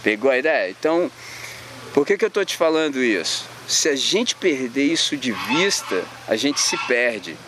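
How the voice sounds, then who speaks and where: A man's voice: medium pitch, very animated, moderate pace, background noise. A man with a Brazilian accent preaching to young people in slangy everyday talk, acting out little scenes as he goes. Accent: Brazilian Portuguese. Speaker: youth preacher. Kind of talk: informal sermon to young people.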